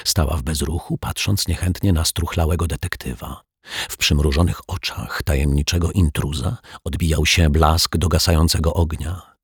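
A man calmly narrating a children's story as an audiobook reader on a close mic. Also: rumbling low, normal speed, husky, no room sound.

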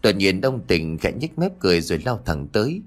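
A man narrates a ghost story with dramatic, expressive delivery. His voice is low, and his pitch climbs and drops with lively swings. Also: brisk.

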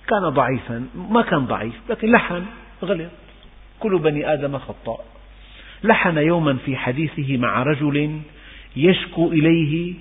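An older man preaches a religious lesson, telling stories and slipping between formal and everyday speech. His voice is husky and carries a long echo from a large hall. The recording sounds thin and tinny, like a phone line. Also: fairly high pitch. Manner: storytelling, mixes classical and colloquial Arabic, rises in emphasis.

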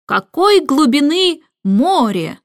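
A woman voicing an eager, excitable old male professor who asks questions in a high, drawn-out voice. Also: dry recording, studio quality, full character voice.

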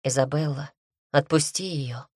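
Brief: woman reading a calm, gentle father, low husky voice. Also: unhurried, dry recording, studio quality. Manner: soft, calm. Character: gentle father speaking softly to his family.

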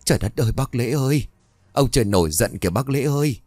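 A man's voice: mid-range voice, animated, fast, darkish tone, slightly rough, dry recording, pitched above the performer's own voice. A man voicing a frightened middle-aged village woman who pleads shrilly. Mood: panicky.

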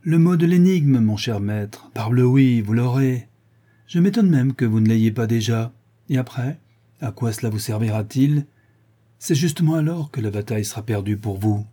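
A man reading an audiobook voices a suave, mocking gentleman thief who speaks in an ironic, grandiloquent way, higher and louder than his narration. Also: lively intonation, normal speed, husky.

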